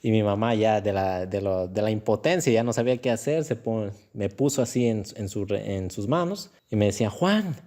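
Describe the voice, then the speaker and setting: A man's voice: fairly low pitch, a little fast, hardly any pauses. A young man, telling stories in a casual interview, laughing often and acting out other people's voices. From Ecuador. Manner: animated storyteller who acts out voices and laughs often. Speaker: interview guest.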